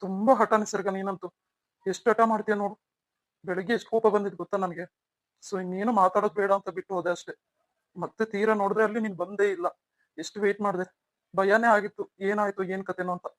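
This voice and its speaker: A woman's voice: mid-range voice, steady tone, quick pace, no echo, close to an everyday voice. A woman voicing a young man in a cartoon, a devoted husband who talks in a tender, apologetic, coaxing way. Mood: scolding. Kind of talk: cartoon voice acting.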